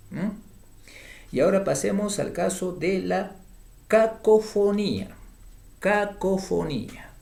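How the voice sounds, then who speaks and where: A male teacher gives a slow grammar lesson, his voice gravelly and his pitch rising and falling in a lively way. He repeats each term and example and checks in with a quick "mm?". The room sounds echoey, with faint background noise.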